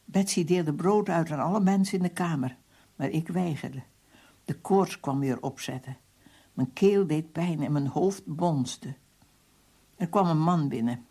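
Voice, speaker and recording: A reader telling a first-person story for radio in a calm, measured way. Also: medium pitch, husky. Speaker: reader of a book.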